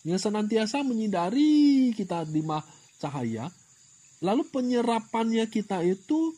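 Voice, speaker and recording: A man delivering a dharma talk, his pitch leaping up and down as he fires rhetorical questions. His voice sits a little high and sounds husky. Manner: animated, rhetorical questions, mixes in English words. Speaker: Buddhist dharma teacher.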